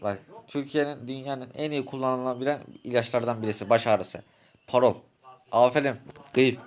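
A man in a Minecraft role-play, bickering in a taunting, rough, slangy way. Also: mid-range voice, fairly even intonation, moderate pace.

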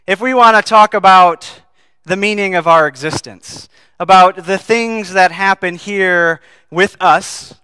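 A man's voice: sits high, measured pace, bright, forceful tone, smooth, no room sound, studio quality. A man who is a pastor, preaching a sermon and reading scripture aloud, earnest and asking the congregation questions.

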